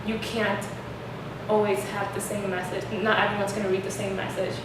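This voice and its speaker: A young woman hosting a relaxed chat who rambles along, filling her talk with "like" and "um". Her voice comes from a distance in a strongly echoing room. A clear noise bed sits underneath. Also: medium pitch, a little fast. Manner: rambling, many fillers like "like". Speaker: host. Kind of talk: casual chat. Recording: echoey room, distant mic, noisy.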